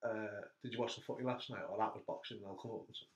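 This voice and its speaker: A middle-aged man hosting a casual interview chat, telling stories with animated bursts. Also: fairly low pitch, quick pace. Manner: animated storyteller, voice jumps up when telling funny bits. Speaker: host. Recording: echoey room.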